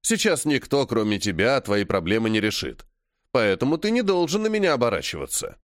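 A man's voice: medium pitch, sing-song, a little fast, no room sound, clean studio sound, close to an everyday voice. A man reading the lines of a stubborn, evasive male mage mentor in an audiobook, brusque and dismissive. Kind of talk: audiobook dialogue.

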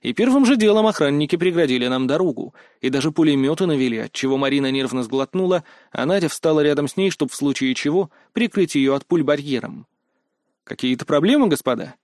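A man reads a first-person fantasy novel in a steady, faintly wry storytelling voice. His pitch sits somewhat high for a man, and the recording is dry, close and free of room echo. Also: quick pace, few pauses. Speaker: audiobook narrator.

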